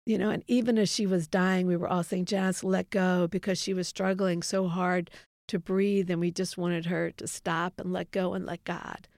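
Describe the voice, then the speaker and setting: Earnest woman with gravelly tone. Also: fairly low pitch, flat delivery, moderate pace, darkish tone, dry recording, clean studio sound. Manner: earnest, reflective, quotes others in dialogue. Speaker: interview guest. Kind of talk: candid faith testimony.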